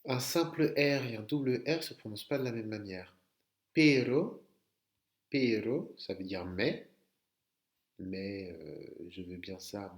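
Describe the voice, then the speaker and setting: Slow-talking French teacher, echoey room. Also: male voice, on the low side. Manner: slow, repeats words for students to echo. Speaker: Spanish teacher. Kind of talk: online language lesson.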